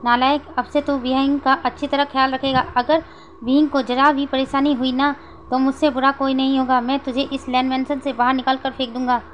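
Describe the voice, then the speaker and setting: A woman voicing a stern, hot-tempered father scolding his son, in a high voice. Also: flat delivery, fairly quick, dull audio, slight background noise, natural voice.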